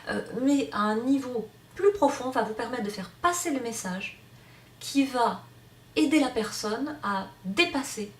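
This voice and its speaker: A woman's voice: a little high, distant mic, a little hiss or hum. A woman teaching a hypnosis course, explaining off the cuff with many fillers and restarts. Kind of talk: online lecture. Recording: roomy sound from off-mic.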